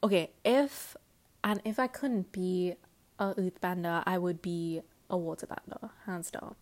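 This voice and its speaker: A woman hosts a casual solo podcast in a fairly low voice at a measured pace. She rambles and chats, giggly and excitable, with her speech full of fillers.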